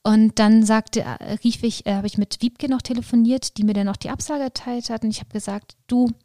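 A woman, a podcast guest, telling her life story in lively conversation with many fillers and restarts. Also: on the high side, a little fast, dry recording, studio quality.

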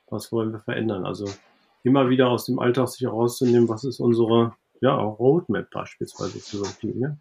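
Speaking in a creaky, mid-range voice, this male podcast guest keeps the interview easygoing and conversational. He works through his thoughts out loud, full of fillers and false starts.

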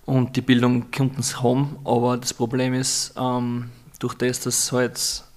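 A man's voice: medium pitch, monotone, a little slow, darkish tone. A young man with an Austrian accent, a podcast guest telling rambling, colloquial anecdotes in casual conversation. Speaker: podcast guest, Muay Thai fighter.

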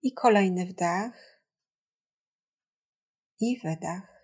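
A woman guiding a body scan meditation in a gentle, calm, soothing and measured way, leaving long pauses. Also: fairly low pitch, slightly rough. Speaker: meditation guide.

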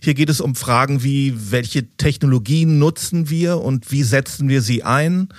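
A man's voice: mid-range voice, unhurried, no echo, studio quality. A man hosting a podcast interview, asking prepared questions in a composed, scripted way.

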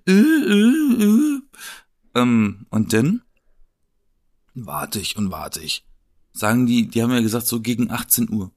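Animated man telling a story. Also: on the low side, moderate pace, long pauses, breathy edge. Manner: animated, swears casually. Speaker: podcast co-host. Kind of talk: casual storytelling chat.

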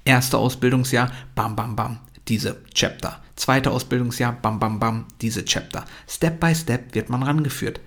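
A young adult man hosting a podcast, delivering an energetic, emphatic motivational monologue and mixing in English phrases. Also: medium pitch, a little slow, few pauses.

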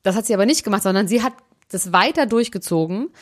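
A woman co-hosting a casual chat, gossiping in a lively, chatty way. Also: medium pitch, fast. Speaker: podcast co-host.

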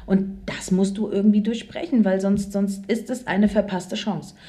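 A woman's voice: medium pitch, fairly even intonation, moderate pace, dark tone. A woman co-hosting a podcast in casual conversation, telling personal stories with frequent tag questions. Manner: chatty storyteller, frequent "ne?" and "so" tags. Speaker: podcast co-host.

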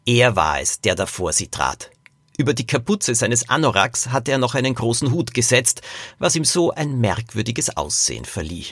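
Animated male storyteller. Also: mid-range voice, moderate pace, no echo. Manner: expressive, animated reading. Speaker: author reading his story. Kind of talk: scripted storytelling narration.

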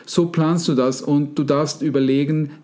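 A man hosts a podcast in a casual coaching style, stringing together rhetorical questions for his listeners. His voice sits a little high for a man yet sounds dark and mellow. He addresses the audience affectionately. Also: fairly even intonation, normal speed. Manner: addresses listeners warmly as "ihr Lieben". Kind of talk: casual podcast talk on mindset.

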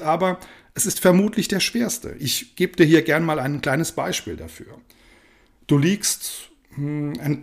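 A man with a slightly high voice hosts a motivational podcast. He talks directly and informally to the listener. He tells a slow, deliberate parable before giving tips. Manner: calm, deliberate storytelling with slowed phrases. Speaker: life coach and podcast host.

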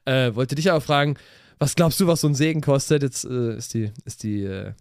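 A man's voice: mid-range voice, a little fast, smooth, no room sound, studio quality. A man co-hosting a casual podcast chat, telling a story and acting out the dialogue. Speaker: podcast co-host.

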